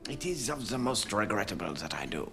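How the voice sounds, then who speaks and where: An actor playing a pompous, world-weary gentleman detective with a French accent and grandiose formal phrasing in a murder-mystery parody. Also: fairly low pitch, sing-song, gravelly, over music. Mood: grave accusing. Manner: grandiose, formal, drawn-out pronouncements.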